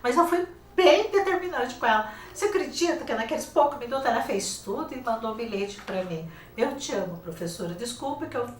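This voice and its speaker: A woman's voice: a little high, a little fast, hardly any pauses, recorded from a distance, a little hiss or hum. An older woman with a Brazilian Portuguese accent, a teacher telling classroom stories in a TV interview, acting out quoted dialogue. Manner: lively, acts out quoted dialogue. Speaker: guest author and teacher. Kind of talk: casual interview storytelling. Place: TV studio. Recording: roomy, off-mic studio sound.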